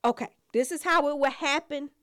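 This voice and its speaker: A woman host telling a story in a profane, animated comedic rant. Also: high-pitched, a little fast, no echo, studio quality. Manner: profane, animated, quoting people in acted voices.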